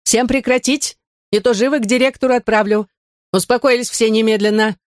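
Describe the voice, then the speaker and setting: A woman voicing a stern, irritable female kindergarten teacher who scolds sharply and turns shrill. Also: fairly even intonation, brisk, dry recording, clean studio sound, lightly acted. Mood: scolding.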